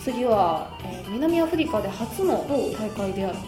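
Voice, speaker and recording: A woman with a Kobe dialect co-hosting a casual radio chat, polite and steady. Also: mid-range voice, normal speed, reverberant, over music. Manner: polite, answers with steady short replies. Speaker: radio co-host.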